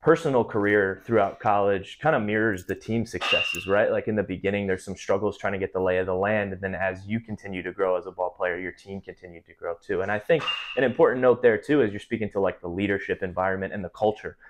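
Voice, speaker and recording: A man's voice: deep voice, quick pace, few pauses. A young man hosting a podcast interview in a small studio room, asking long, thoughtful questions. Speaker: podcast host. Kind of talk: casual interview.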